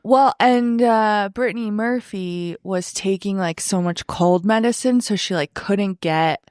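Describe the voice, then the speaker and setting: A wry woman co-host trading gossip in quick bursts. Her voice is mid-pitched and recorded dry and close. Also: a little mellow, no room sound. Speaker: podcast co-host. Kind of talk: casual chat.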